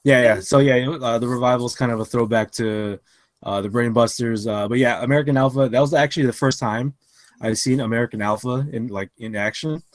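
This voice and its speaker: A man's voice: medium pitch, brisk, dry recording. A man co-hosting a casual podcast chat, tired after a long work shift, rambling with lots of fillers and restarts. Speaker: podcast co-host.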